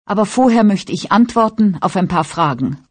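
Patient male police inspector, firm and measured questions, husky tone, woman narrator reading him, audiobook. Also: medium pitch, lively intonation, no echo, voice pushed up. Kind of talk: audiobook character voice.

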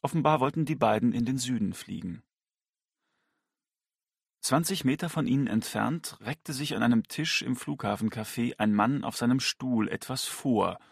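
A man narrating an audiobook in a measured, storytelling manner. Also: mid-range voice, creaky, slightly rough, dry recording, studio quality.

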